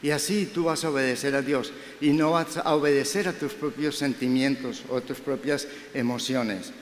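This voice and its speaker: A man's voice: mid-range voice, steady tone, normal speed, slight background noise. A middle-aged man preaching a Sunday sermon in a conversational way, acting out quoted dialogue. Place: church hall. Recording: echoey hall with long reverb.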